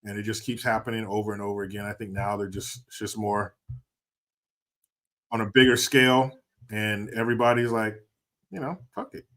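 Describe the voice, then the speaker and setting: A man's voice: lowish voice, flat delivery, moderate pace, pauses often, a bit bright. Laid-back joking male podcast host. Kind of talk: casual chat.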